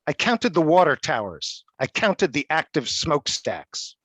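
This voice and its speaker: Male poet, a bit high, halting between pieces, dry and close. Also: slightly rough, dry recording. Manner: halting and stammering when talking, steady when reading. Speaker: poet and college faculty member. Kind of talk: poetry reading.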